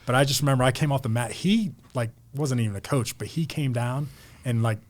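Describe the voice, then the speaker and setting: A middle-aged man from Pennsylvania talks as a podcast guest, his stories loose and full of restarts. His voice sits at an ordinary mid pitch and his delivery stays relaxed and conversational. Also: fairly quick. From Pennsylvania, United States. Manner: rambling, with many restarts and repeated words. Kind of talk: casual storytelling interview.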